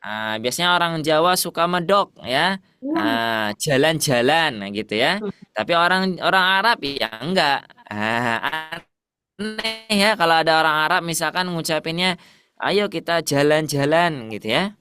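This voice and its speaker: Bright, crisp-voiced male tajwid teacher. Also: fairly high pitch, animated, unhurried, no echo, studio quality. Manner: asks the class questions and repeats answers. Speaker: Quran recitation teacher. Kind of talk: classroom teaching.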